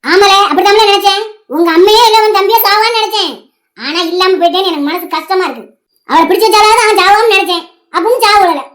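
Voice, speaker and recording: A woman's voice: very high-pitched, fast talker, fairly bright tone. A performer voicing a vengeful, scheming old village woman in a cartoon, speaking in a taunting, scolding way. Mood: scornful. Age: older. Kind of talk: animated cartoon voice acting.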